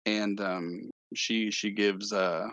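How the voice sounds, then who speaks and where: A man running a tabletop game as game master, narrating in a halting way with many fillers and restarts. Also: lowish voice, fairly even intonation, fairly bright tone, no echo.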